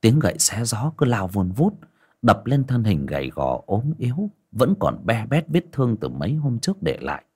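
A man narrating a dramatic story in an expressive storytelling manner. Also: lowish voice, moderate pace, breathy edge.

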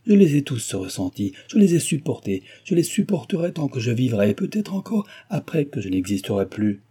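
A man's voice: mid-range voice, sing-song, a little fast, mellow, husky, pitched above the performer's own voice. A man voicing a stern, brooding older man who moralizes severely, read as a character in an audiobook. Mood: severe reproach. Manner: severe, reproachful declaiming.

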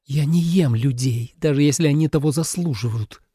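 A man doing a young snake-spirit girl in an audiobook, pitched well up and hissing with offended pride. Her voice has a dry, close sound and a gravelly edge. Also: lively intonation, moderate pace, mellow, no echo. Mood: indignant. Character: young snake spirit woman, proud and touchy.

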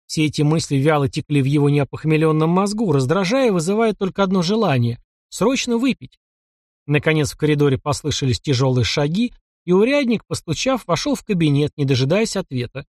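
A man narrating an audiobook with a steady, expressive reading on a close mic. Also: fairly high pitch, brisk, no room sound.

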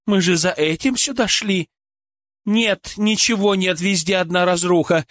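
A man's voice: sits high, moderate pace, no room sound, studio quality, pitched above the performer's own voice, close to an everyday voice. A man voicing a bitter, furious former shop clerk. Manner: harsh, accusing, shouting insults.

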